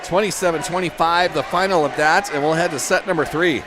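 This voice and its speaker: A man doing play-by-play for a high school volleyball match, shouting over the big plays. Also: fairly quick, noisy background. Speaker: play-by-play commentator.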